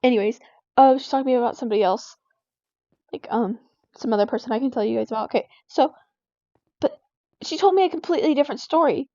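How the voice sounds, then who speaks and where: A woman's voice: on the high side, fast talker, pauses often, dark tone, no room sound. A teenage girl chatting casually while gaming, rambling through a story with lots of fillers and quoted back-and-forth. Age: teens. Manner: rambling, filler-heavy retelling of school drama. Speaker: gaming vlogger. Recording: dull, dry home recording.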